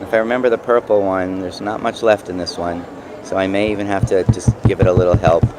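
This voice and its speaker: A man with a New York accent casually explaining and demonstrating craft products, pausing mid-sentence as he works. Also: deep voice, fairly even intonation. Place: busy convention booth. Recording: noisy trade show floor background.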